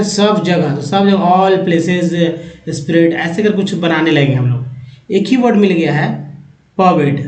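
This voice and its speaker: A man with a fairly high voice teaches English vocabulary in Hindi, going over each word slowly and more than once. His voice jumps up when a new word comes in. The room gives the sound a noticeable echo. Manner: explains each word slowly, repeating it, rising emphasis on new words. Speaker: English teacher and channel host. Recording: echoey room.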